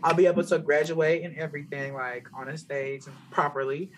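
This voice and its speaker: A woman's voice: sits low, level tone, a little fast, slight background noise. Chatty young woman podcast co-host. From American South. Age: 20s. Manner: laid-back, chatty, filler-heavy. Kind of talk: casual chat. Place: bedroom, remote recording.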